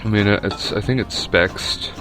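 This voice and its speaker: A young man with a lowish voice talks his way through a game battle at a slow, easy pace. He rambles and restarts his sentences, with plenty of ums along the way. Faint music plays underneath. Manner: rambling and unhurried, with many fillers and restarts. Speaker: video game player. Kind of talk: casual commentary over a game battle.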